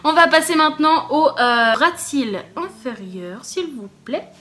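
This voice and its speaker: A woman beauty vlogger chats casually with her viewers while doing a makeup challenge, bubbly and quick to get excited. Her voice is high and her pace unhurried.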